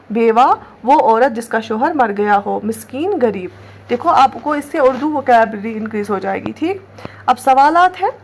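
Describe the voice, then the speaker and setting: A woman with a fairly high voice gives an online Urdu lesson. She says each letter and word slowly, repeats it, and often checks that her students follow. A faint hiss sits under the recording. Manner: patient, repeats words slowly, often checks with "theek hai". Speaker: Urdu teacher. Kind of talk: online exam-prep lesson.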